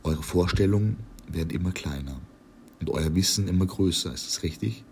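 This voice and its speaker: A man reading the lines of a tiny, fat, proud king who calmly explains his musings in an audiobook. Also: deep voice, normal speed, a little hiss or hum.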